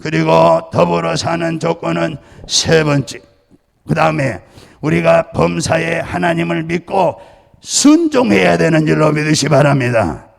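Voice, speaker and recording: Male pastor from Chungcheong, gravelly, slightly high voice, emphatic sermon delivery in a church with a long echo. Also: a little slow. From Chungcheong, Korea. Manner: emphatic preaching with repeated calls to believe; jokes with the congregation. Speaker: senior pastor. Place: church sanctuary. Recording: long church-hall reverb.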